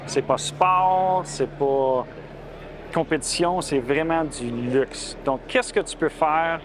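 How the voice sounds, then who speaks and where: A man's voice: on the high side, slow pace, background noise. A man with a Quebec French accent talking casually and colloquially about cars, with enthusiasm. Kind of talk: casual on-camera car talk.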